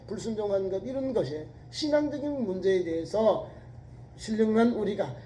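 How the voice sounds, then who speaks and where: A man's voice: sits high, warm tone, low-quality recording. A middle-aged male pastor preaching a sermon in an earnest, exhorting way, often repeating key words for emphasis.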